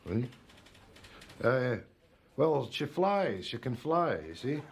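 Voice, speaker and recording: An actor playing a bumbling old cartoonist who rambles with many hesitations and restarts in a sketch comedy. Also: male voice, medium pitch, big pitch swings, takes it slowly, creaky, slightly rough, exaggerated voice. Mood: rambling. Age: older.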